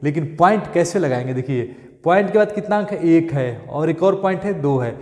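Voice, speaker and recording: A male maths teacher, repeating steps and checking in often with "thik hai" and "clear". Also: a little high, lively intonation, fairly quick, darkish tone, long reverb tail. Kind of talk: classroom maths lesson.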